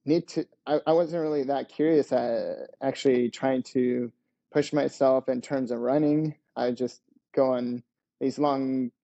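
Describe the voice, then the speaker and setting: A young Lithuanian man, appearing as a podcast guest over a video call on a headset, tells his story hesitantly with many fillers in a casual interview. His mid-range voice is steady, unhurried, gravelly and mellow, and the audio is dull and lo-fi.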